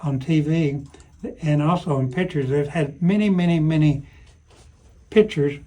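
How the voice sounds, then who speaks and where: A man's voice: a little high, measured pace, mellow. A man appearing as a sports guest on a casual talk show, playful and teasing. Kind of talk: casual chat.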